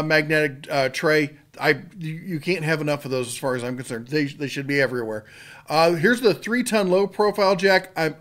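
A middle-aged man hosting a tool channel, rambling through sale items in a folksy, casual way with lots of fillers and restarts. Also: fairly high pitch. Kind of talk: casual product rundown.

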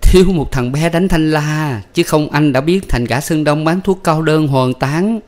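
A male audiobook reader voicing a gentle, devout young wife with a soft, pleading manner. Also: fairly high pitch, measured pace, pitched above the performer's own voice, close to an everyday voice.

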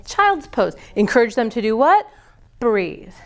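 This clip, recorded by a camera at the far end of a spacious wooden studio, features a middle-aged woman teaching yoga teacher trainees. Her voice is high and bright, and she sounds unhurried. She lively fires question after question at the group, then answers each one herself.

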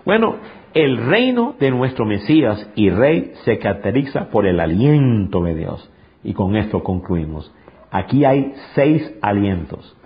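Impassioned pastor, dull lo-fi sound. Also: male voice, sing-song, unhurried. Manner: impassioned, swings from high shouted peaks to low intimate tones. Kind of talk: sermon.

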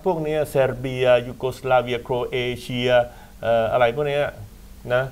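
Man, talk show host, emphatic lecturing tone, rambling asides, middle pitch, studio. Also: steady tone, moderate pace, a little mellow, clear, resonant tone. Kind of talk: casual studio football talk.

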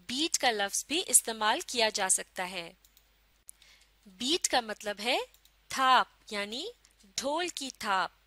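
Female teacher, children's phonics lesson, very slow and patient, crisp bright tone, dry close mic. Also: fairly high pitch, no echo. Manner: slow, patient, spells letters out and praises pupils. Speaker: English teacher.

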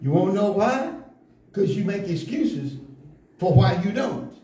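A man preaching a sermon from the pulpit in rhythmic call-and-response style, building to shouts. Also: high voice, sing-song, a little slow, far from the mic. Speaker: pastor. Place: church sanctuary, indoors, at a pulpit. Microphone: stand mic at the pulpit, filmed from a far camera. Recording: echoey church room, heard from afar.

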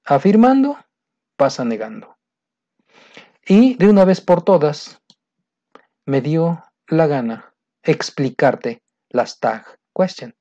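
A patient teacher walks through a grammar lesson step by step, repeating key points and checking in with the listener. The voice sits in a middle register and sounds mellow and soft-edged. The recording is dull and muffled. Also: medium pitch, sing-song, takes it slowly, long pauses. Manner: patient, repetitive, keeps checking understanding. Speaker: English teacher.

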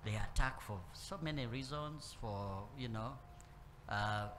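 A man addresses a conference room in a measured, unhurried way, often restarting his phrases and filling pauses as he goes. His voice sits at an ordinary middle pitch for a man. A faint hum of room ambience lies under his speech. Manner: measured, with frequent repeats and fillers. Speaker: panel speaker on corporate governance. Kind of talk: spoken panel talk. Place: conference room with live and online audience.

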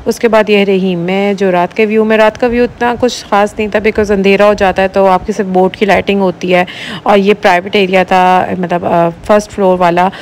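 A young woman from Pakistan narrating her travel vlog in a casual, chatty voice-over, pausing often with "uh". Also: medium pitch, slight background noise. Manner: chatty, relaxed, with many "uh" pauses. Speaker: vlogger.

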